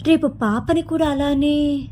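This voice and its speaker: A woman's voice: high-pitched, steady tone, takes it slowly, warm tone, slight background noise. A woman voicing a troubled young mother who speaks in a pleading, anxious way.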